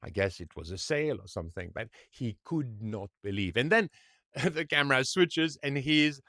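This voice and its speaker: Male commentator, animated storyteller, dry mic. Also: medium pitch, normal speed, no echo. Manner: animated storytelling, frequent fillers and restarts. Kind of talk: casual monologue commentary.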